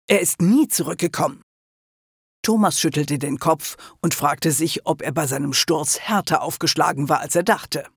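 A man narrating an audiobook in a steady storytelling manner. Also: fairly high pitch, normal speed, gravelly, hardly any pauses, breathy edge, no room sound, clean studio sound. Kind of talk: scripted narration.

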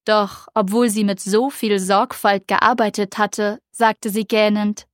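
A woman narrating a storybook in a calm, gentle, measured way. She reads very slowly, with a mid-pitched voice. The sound is dry and close. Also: no echo. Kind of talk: storybook reading.

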